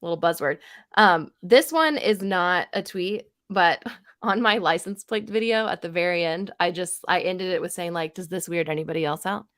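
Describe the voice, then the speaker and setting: A woman's voice: lowish voice, moderate pace, a bit bright, no room sound. Dry-voiced woman reading comments aloud. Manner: reads hostile tweets aloud in mocking voices. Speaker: podcast co-host. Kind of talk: casual chat, reading out comments.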